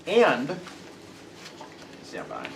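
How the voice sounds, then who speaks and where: A man's voice: fairly high pitch, huge pitch swings, drawn-out words, gravelly, a crowd in the background. A man narrating a tabletop game as game master, explaining the scene and checking that listeners follow. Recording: echoey room, distant mic, faint noise.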